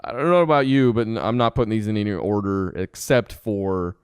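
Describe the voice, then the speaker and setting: A man's voice: lowish voice, a little fast, clean tone, no echo, studio quality. A man hosting a podcast in casual chat, joking and rambling, laughing often. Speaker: podcast host.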